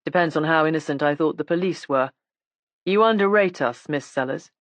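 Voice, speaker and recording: In a dry, close-miked audiobook recording, a low-voiced woman reading at a moderate pace plays a cool, intimidating male police inspector. She keeps him near her own voice, and his lines come out clipped, ironic and stern.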